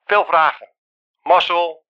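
A caller leaves a voicemail, heard played back over a dull, lo-fi phone line with a little hiss or hum. The man's voice is fairly high and slow, and he reads out a news report in a businesslike way.

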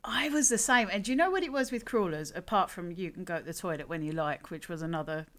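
A woman's voice: on the low side, animated, fast talker, a bit bright. A woman hosting a casual interview podcast in a chatty, informal, rambling way. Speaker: podcast host, former crane operator.

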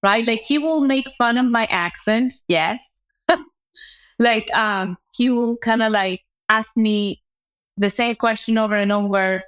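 An unhurried woman with a higher, fairly bright and clean voice recounts her career in a conversational interview. She's a guest entrepreneur, reflective in tone, and "right?" comes up often.

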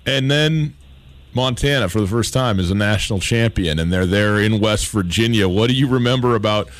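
A man's voice: fairly low pitch, normal speed, no echo. Man asking long, winding interview questions.

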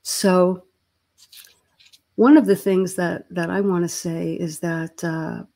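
A woman's voice: fairly low pitch, fairly even intonation, slow pace, mellow. A woman in her sixties, a therapist co-hosting a podcast, talking in a reflective, earnest way and searching for her words. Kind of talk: casual podcast chat.

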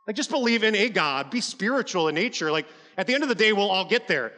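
Male pastor, conversational but emphatic sermon delivery, bright tone, long hall reverb. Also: sits high, lively intonation, fast talker. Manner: conversational, emphatic preaching with frequent "like" and restarts.

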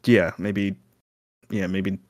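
Rattled adventurer son, played by a man, halting, sarcastic, close dry sound, improvised tabletop fantasy. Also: low-pitched, level tone, a little mellow, dry recording. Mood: bitter, sarcastic. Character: rattled, sarcastic son lost and searching for friends. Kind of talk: improvised tabletop role-play.

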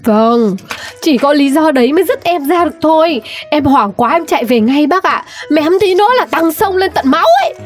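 Casting: a high-pitched, sharp-tongued woman playing a bickering wife in a comedy skit, faint music underneath. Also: lively intonation, fairly quick.

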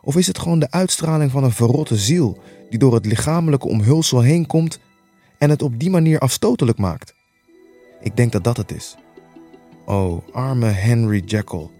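Give me a man voicing a troubled lawyer, measured and thoughtful, with a mellow voice. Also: medium pitch, faint music behind, lightly acted. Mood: brooding. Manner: measured, musing aloud. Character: cautious, troubled middle-aged male lawyer.

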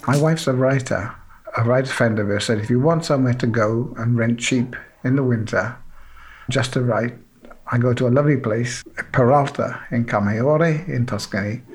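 A man's voice: mid-range voice, normal speed, faint music behind. Man from South Wales, rambling storyteller. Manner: rambling, frequent "you know", self-deprecating. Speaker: sculptor being interviewed. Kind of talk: relaxed interview storytelling.

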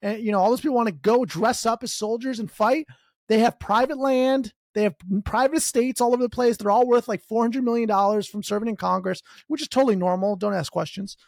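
A man hosting a podcast, delivering a sarcastic political comedy rant that swings between loud outbursts and low mutters. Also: fairly even intonation, a little fast, gravelly, no echo, clean studio sound. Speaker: podcast host.

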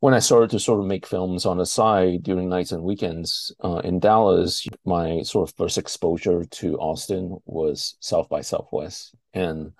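Man in his forties from Malaysia, very low voice, dry close sound, measured interview guest. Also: fairly even intonation, darkish tone, no room sound. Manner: thoughtful, searching for words. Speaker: guest filmmaker. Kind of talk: interview answers.

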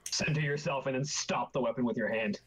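A man's voice: mid-range voice, a little fast, a bit bright. A man chatting casually as a player at a tabletop game, declaring his moves.

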